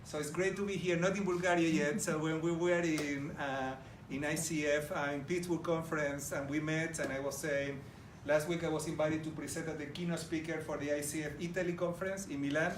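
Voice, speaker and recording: A middle-aged man from Argentina presents enthusiastically in a high-ish, steady voice, fairly quick and with few pauses, speaking directly to his live audience. His accent is Argentine Spanish, the venue is a large room, and the recording is roomy and distant with background noise.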